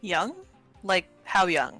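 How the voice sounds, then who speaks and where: Dry, weary young male lawyer for a game fan dub, voiced by a woman; bright tone. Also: lowish voice, animated, slow, soft background music, heavily acted. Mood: deadpan.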